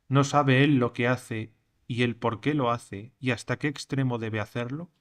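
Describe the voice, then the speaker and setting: Man reading an old sermon aloud. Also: medium pitch. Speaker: reader of a recorded sermon text.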